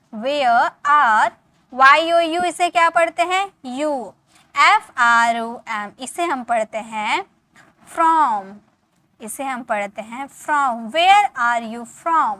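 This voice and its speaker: High, bright-voiced woman teaching slowly. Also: dry recording. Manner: patient, repeats words slowly and asks the viewer questions; spells words letter by letter and drills pronunciation. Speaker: English teacher. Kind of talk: spoken English lesson explained in Hindi.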